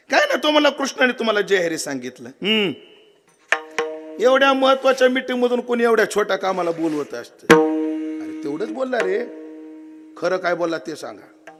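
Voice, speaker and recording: A man delivering a devotional kirtan sermon. He tells the story with acted dialogue and quizzes his listeners. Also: high voice. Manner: lively storyteller acting out dialogue, quizzing the audience. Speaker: kirtan preacher. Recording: echoey hall with tabla and instruments.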